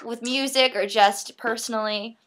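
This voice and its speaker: A young woman interviewing a musician, upbeat, encouraging and quick to laugh. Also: a little high, fairly even intonation, fairly bright tone. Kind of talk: casual interview.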